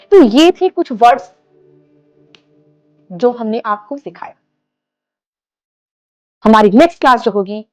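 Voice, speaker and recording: A young woman, an English teacher, giving a classroom lesson in Hindi and correcting words with quick rhetorical questions. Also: high-pitched.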